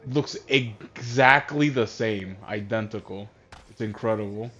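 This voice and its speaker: A man's voice: fairly low pitch, unhurried, sharp tone, slight background noise. A man ranting casually on a voice call, rambling and exasperated, with lots of swearing and restarts. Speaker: streamer. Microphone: voice chat headset. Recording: dull lo-fi console chat audio.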